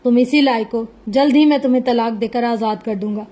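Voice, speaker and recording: A woman's voice: a little high, dark tone, lightly acted. A woman voicing a cold, contemptuous young husband.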